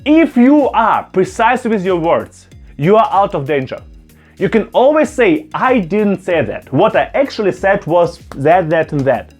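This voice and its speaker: This man's voice sits high and is very animated, slightly rough, and a little slow, with soft music playing behind him. He is a YouTuber from a Russian-speaking background rather than a German one, giving an indoor opinion vlog to camera in non-native English. His manner is earnest and emphatic, and he repeats phrases for emphasis.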